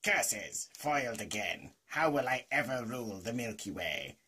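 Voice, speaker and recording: A man's voice: medium pitch, sing-song, a little slow, pushed and bright, husky, exaggerated voice. A man voicing a grandiose, scheming space villain who speaks melodramatically. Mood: defeated. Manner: gloating, melodramatic.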